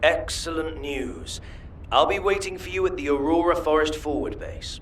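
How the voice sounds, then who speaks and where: An actor voices an intense, scheming alien scholar in a video game, speaking formally, deliberately and theatrically. His male voice is a little high and close to an everyday voice, with a noisy background, and he sounds satisfied and grave.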